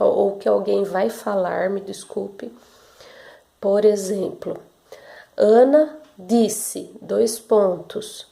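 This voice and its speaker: A woman's voice: mid-range voice, gravelly, dark tone. A woman teacher giving a lesson to young pupils, explaining step by step in a patient way and asking the class questions that she then answers herself.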